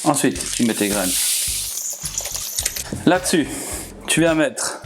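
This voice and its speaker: A man's voice: mid-range voice, lively intonation, slow pace, music in the background. A man hosting a casual cooking vlog, chatty and jokey, who often laughs and talks straight to his viewers. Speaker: cooking channel host.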